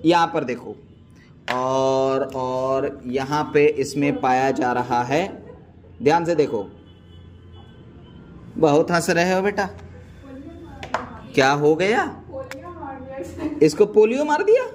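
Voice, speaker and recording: In a classroom biology lecture, a man with a somewhat high voice speaks slowly and pauses often. He keeps quizzing students with repeated questions, fondly calling them "beta."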